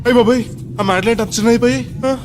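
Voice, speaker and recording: An actor playing a naive, middle-aged village man on his first flight, loud and rustic, mangling English words. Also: extremely high pitch, rapid-fire. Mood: chatty. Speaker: actor in a film comedy scene. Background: film background music.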